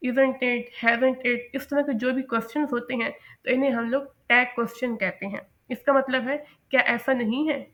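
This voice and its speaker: Female language teacher, lecturing patiently, saying English examples slowly and clearly. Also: on the high side, a bit bright. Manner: slow, careful enunciation of English example sentences. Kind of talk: lecture explaining English phrases.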